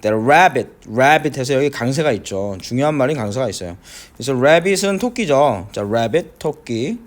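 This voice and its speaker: A middle-aged man teaching an English listening lesson, breaking down phrases slowly with many fillers and frequent checks that students follow. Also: mid-range voice, lively intonation. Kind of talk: classroom lecture explaining pronunciation.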